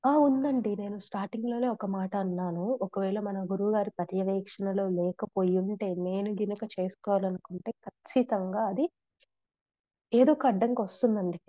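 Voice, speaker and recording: A woman's voice: mid-range voice, a little fast, mellow, no echo. Woman devotee, earnest testimony, dry close sound, slightly dull. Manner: earnest, devout, with frequent restarts. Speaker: devotee sharing experiences. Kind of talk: conversational testimony.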